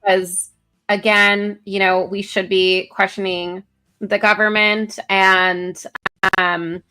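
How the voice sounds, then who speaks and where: A woman's voice: mid-range voice, level tone, slow, sharp tone, clean tone, soft background music. A woman co-hosting a casual political talk show, reading news articles aloud with many fillers and self-corrections. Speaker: co-host.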